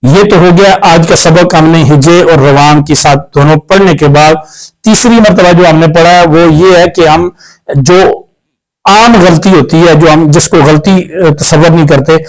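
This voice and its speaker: A man with a Pakistani Urdu accent teaching Quran recitation, spelling out each letter and drawing out syllables slowly, then explaining rules at a brisk pace. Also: a little high, low-quality recording.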